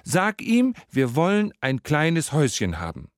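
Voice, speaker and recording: Guy putting on a high whiny fisher's wife, nagging and demanding, big swings in the voice, dry close sound, fairy tale reading. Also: big pitch swings, normal speed, darkish tone, dry recording. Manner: high scolding whine.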